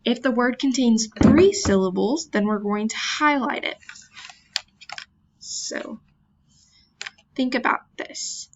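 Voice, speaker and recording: Woman, teacher, virtual lesson, patient, sounds out words, gravelly, dull lo-fi computer mic. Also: fairly high pitch, slow pace, pauses often, noisy background. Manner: chatty self-deprecating asides.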